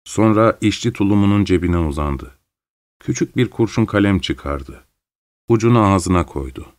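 A man narrating a story in a calm, measured reading voice. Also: sits low, dry recording.

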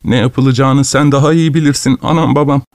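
A man voicing a quiet old village grandmother who whines tearfully. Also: medium pitch, steady tone, brisk, no echo, voice pushed up, close to an everyday voice. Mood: whining. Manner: whining, tearful.

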